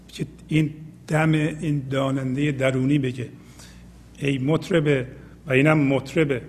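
A man hosting a spiritual teaching program, reciting lines of classical poetry and then explaining them slowly, repeating phrases as he goes. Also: mid-range voice, long reverb tail, a little hiss or hum. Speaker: host explaining Rumi poetry.

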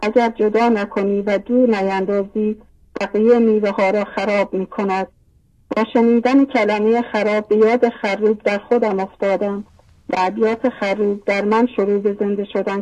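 A woman caller recounting everyday moments and reciting classical verses in a steady, measured way, heard over a dull, distant line. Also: mid-range voice. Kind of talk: reciting poetry and personal reflection.

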